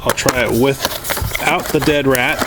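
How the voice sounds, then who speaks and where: A man's voice: mid-range voice, steady tone, slow pace. Rambling man vlogging in a noisy backyard. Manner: rambling, self-deprecating, thinking aloud. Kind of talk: casual unboxing and testing vlog. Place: backyard outdoors. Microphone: camera mic, then shotgun mic with windscreen. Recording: noisy outdoor camera recording.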